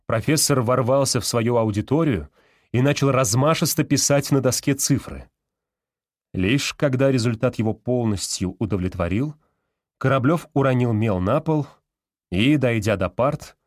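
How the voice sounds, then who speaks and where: A man reading a story aloud as an audiobook narrator with an even storytelling delivery. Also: mid-range voice, dry recording, clean studio sound.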